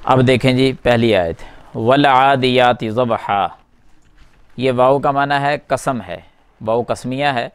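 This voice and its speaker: A man leads a classroom lesson at a whiteboard, his voice smooth and clear at a middle pitch. He explains each word step by step, repeating key terms and putting questions to his students before answering them himself. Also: no room sound. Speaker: Quran teacher.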